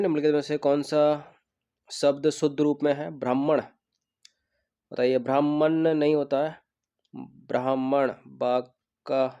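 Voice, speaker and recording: A man teaching an exam prep lesson on Hindi spelling, going through test questions one by one and repeating each right word slowly for his students. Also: mid-range voice, creaky, mellow, lo-fi sound. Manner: checks in with students and asks them questions.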